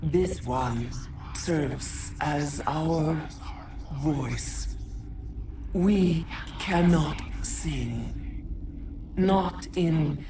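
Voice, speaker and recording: A woman voicing an ancient, mournful insect hive queen in a video game, speaking in halting, cryptic, solemn phrases through a host. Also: sits low. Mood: mournful, eerie. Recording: distant voice with clear noise.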